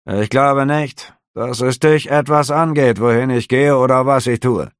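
A man's voice: mid-range voice, a little slow, clear, resonant tone, no room sound, clean studio sound, pitched above the performer's own voice, lightly acted. A man voicing a guarded half-elf officer who talks in a growling, curt and cold way.

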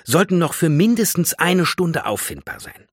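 A man voicing a condescending young female tree nymph in a storybook reading, raised high above his own voice. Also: very animated, moderate pace, slightly rough, dry recording, clean studio sound. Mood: haughty. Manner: condescending, know-it-all.

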